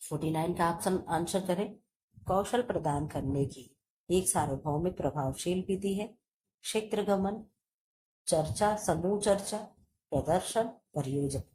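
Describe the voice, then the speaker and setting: A woman's voice: deep voice, dark tone, a little hiss or hum, low-quality recording. A woman teacher going through exam questions, reading out each option and then answering it herself. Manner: reads options aloud and answers them herself. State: coughing, chest sore. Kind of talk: exam-prep lesson.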